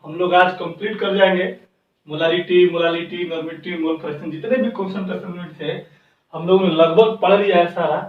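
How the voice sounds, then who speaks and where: A man's voice: high voice, fairly even intonation, recorded from a distance. Male teacher, asks and answers his own questions, dull lo-fi sound in a very echoey room. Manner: asks the class questions and answers them himself, repeats words slowly for dictation. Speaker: chemistry teacher. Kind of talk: classroom lecture, dictating notes.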